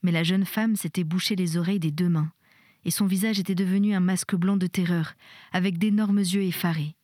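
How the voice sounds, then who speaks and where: An audiobook reader, a woman with a fairly low voice, narrates a storybook in a measured, expressive way. The recording is close and dry, with no echo.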